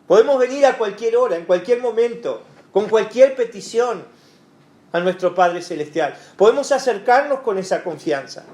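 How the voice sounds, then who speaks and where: An animated pastor leads a Bible study in an echoey church hall, speaking at normal speed and chatting with his listeners through fillers and rhetorical asides. His voice is high for a man, with a darkish tone.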